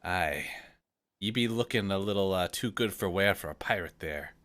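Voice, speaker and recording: A man voicing a gruff old pirate sailor, menacing yet chummy, with a stage pirate accent in a tabletop game. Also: low-pitched, moderate pace, a bit bright. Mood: wry, ominous. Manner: gruff old seafarer talk with pirate dialect.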